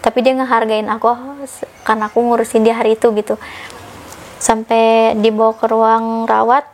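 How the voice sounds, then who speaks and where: A young woman, telling her story casually as a podcast guest and acting out the dialogue she quotes. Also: moderate pace. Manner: animated, acts out quoted dialogue with sudden pitch jumps.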